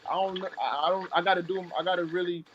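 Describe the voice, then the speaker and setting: A man's voice: high-pitched, steady tone, quick pace, dull audio, background noise. A teenage boy, a guest in a casual sports debate, speaking hesitantly and trailing off. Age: teens.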